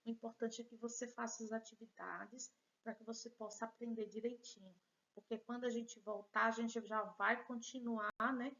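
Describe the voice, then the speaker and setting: A woman's voice: on the high side, flat delivery, normal speed, fairly bright tone, muffled recording. A woman teacher with a Brazilian Portuguese accent, giving a patient, encouraging lesson and joking about her own handwriting. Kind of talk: recorded remote class lesson.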